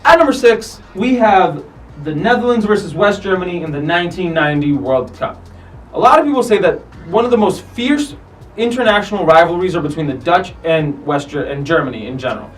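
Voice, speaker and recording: Brief: male host, high-pitched and animated, off-mic slightly, music bed behind, casual soccer commentary. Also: a little fast, far from the mic, poor audio. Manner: animated, profane, acts out players' lines. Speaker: host of a soccer countdown show. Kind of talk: casual commentary over match footage.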